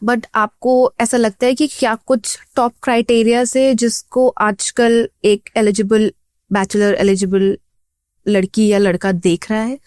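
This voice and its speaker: A woman's voice: a little high, flat delivery, unhurried, a little mellow, no echo, clean studio sound. A woman hosting a podcast interview, asking short questions and giving brief affirmations. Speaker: podcast host.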